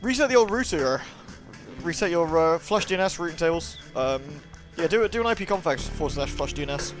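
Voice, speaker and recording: A British man's fairly high voice rises and falls widely with lively intonation as he talks briskly to his livestream audience. He's informal, friendly, and chatty, mildly swearing as he greets and responds to viewers one by one, with moody music clearly in the background.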